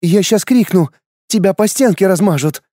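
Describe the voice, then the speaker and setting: A battered young woman, tied up, spits insults in a shrill, raised voice. A man puts her on with a dark timbre showing through, recorded close and dry. She swings between snarling and sobbing. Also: expressive, normal speed, dry recording. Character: furious injured young woman captive.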